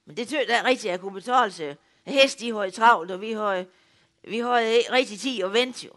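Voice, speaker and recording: A man telling a comic first-person story as a rustic, bumbling fellow who is loud and hard of hearing. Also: high-pitched.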